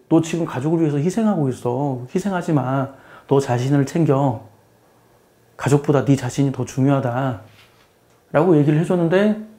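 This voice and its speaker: A middle-aged male teacher talks through a lesson in a mellow, somewhat high voice. He keeps a plain explaining tone, repeats himself for emphasis and often asks the listener questions. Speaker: math teacher and lecturer. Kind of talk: casual spoken lecture.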